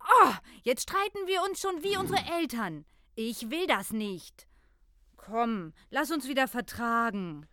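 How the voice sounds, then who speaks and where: A woman playing a lively, playful, easily spooked young girl in a children's audio drama. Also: fairly high pitch, slow, no room sound, studio quality, exaggerated voice. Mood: conciliatory.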